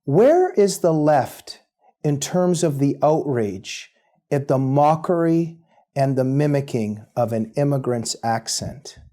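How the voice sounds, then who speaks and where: A man hosting a political commentary segment, speaking in a measured way and posing pointed rhetorical questions. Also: on the high side, lively intonation, mellow. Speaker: host.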